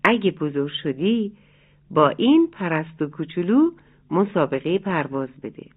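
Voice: medium pitch, very animated, breathy edge. A storyteller doing an eager young rooster chick. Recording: tinny phone-like lo-fi sound.

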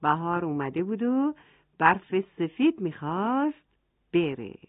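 A woman's voice: on the low side, sing-song, no echo. Woman telling a children's story, tinny. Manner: gentle, addresses children. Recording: tinny phone-like dry sound.

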